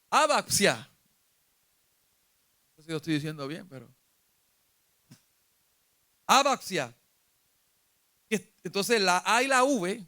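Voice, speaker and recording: A man's voice: sits high, pushed and bright, clear, resonant tone. A man with a Puerto Rican accent preaching a sermon as pastor, asking his congregation questions and rising when he retells scripture. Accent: Puerto Rican Spanish.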